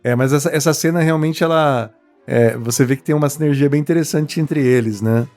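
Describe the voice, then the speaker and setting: A man's voice: fairly high pitch, fairly quick, darkish tone, soft background music. A man co-hosting a podcast, chatting casually and reacting with short, easygoing remarks. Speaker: podcast co-host. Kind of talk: casual film chat.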